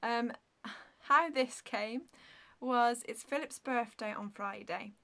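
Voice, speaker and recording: A woman's voice: fairly high pitch, slow pace, pushed and bright. Rambling woman vlogger, full of ums. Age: 30s. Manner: rambling, with many ums and likes; talks to the camera, answering viewer questions. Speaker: beauty vlogger. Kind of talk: casual Q&A vlog.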